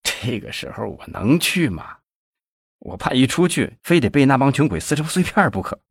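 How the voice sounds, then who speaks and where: A man's voice: medium pitch, very animated, moderate pace, vocal fry, husky, no room sound, studio quality, pitched above the performer's own voice, heavily acted. A man voicing a panicky, whining young male nephew in an audiobook, talking breathlessly and in a rush.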